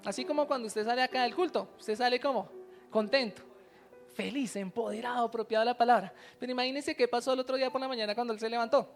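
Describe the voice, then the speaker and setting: A woman preaching a sermon to a congregation, telling a story and asking the listeners questions. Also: on the high side. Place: church service.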